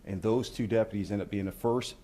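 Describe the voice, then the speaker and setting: A man speaking as a law enforcement official, walking reporters through footage in measured, procedural language. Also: lowish voice, fairly even intonation, warm tone, slight background noise. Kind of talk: news briefing commentary on footage.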